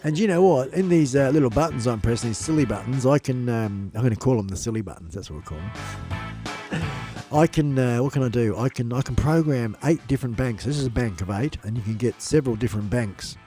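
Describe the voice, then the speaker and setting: A man hosts a casual livestream in a brisk, medium-pitched, dark voice that turns a bit nasal from his blocked nose. His upbeat chat is loose and repetitive, with faint music behind it.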